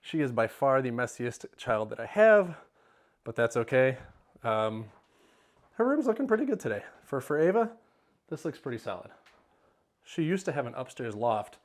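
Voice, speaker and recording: In a laid-back house tour vlog, a middle-aged man with an animated, mid-range voice strolls through the rooms of his large home at a moderate pace, pausing often. His talk is joking, rambling and self-deprecating, with moments of breathlessness.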